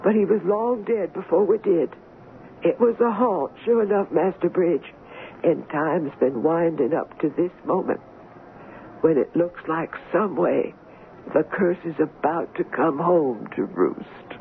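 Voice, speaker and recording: An actress playing a gentle, sorrowful older woman servant, speaking in dialect in an old radio play. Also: fairly low pitch, vocal fry. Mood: tender. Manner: dialect speech, slow and tender. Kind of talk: 1940s radio acting. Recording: tinny old radio broadcast with faint hiss.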